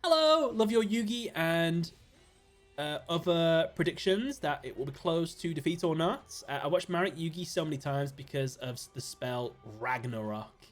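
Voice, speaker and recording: A British man chatting casually while streaming a card game, thinking aloud, greeting viewers and breaking into sudden excited outbursts. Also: fairly high pitch, moderate pace, faint music behind. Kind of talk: casual live-stream gameplay commentary.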